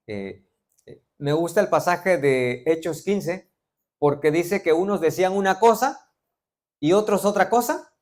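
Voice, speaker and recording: A middle-aged man preaching with a Veracruz Mexican Spanish accent, his voice sitting somewhat higher than most men's. He keeps the congregation involved, firing questions at them and dropping playful jokes between points. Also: darkish tone. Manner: interactive, quizzing the congregation with joking asides. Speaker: pastor. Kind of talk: sermon.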